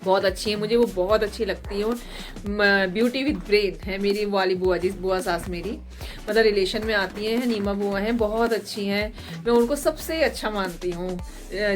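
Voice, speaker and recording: Young woman vlogger, hoarse from a cold, chatty running commentary over soft background music. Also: mid-range voice. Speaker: family vlogger. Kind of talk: casual home vlog narration.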